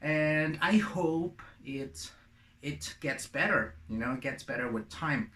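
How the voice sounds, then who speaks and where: A man's voice: on the high side, expressive, slow, a bit bright. Man teaching in an echoey room. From Latin America. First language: Spanish. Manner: encouraging, repeats words and phrases for practice. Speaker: language teacher. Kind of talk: casual spoken lesson. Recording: roomy echo.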